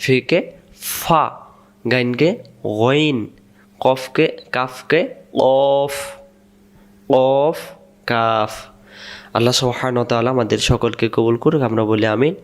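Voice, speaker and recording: A man teaching Quran letter pronunciation, patiently sounding out and repeating each syllable in a slow, drilled lesson. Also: medium pitch, steady tone.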